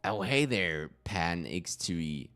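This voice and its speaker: A young man with a German accent and a deep, expressive, slightly bright voice talks slowly, with a faint hiss or hum in the background. He's a gaming streamer doing a casual let's-play, rambling, chuckling, and talking to himself as he plays and reads out his chat.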